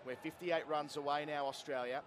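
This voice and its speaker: A man's voice: on the high side, steady tone, fairly quick. A man giving live radio cricket commentary, describing the play in short running phrases. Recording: clear crowd noise at outdoor ground. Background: cricket crowd, outdoor ambience.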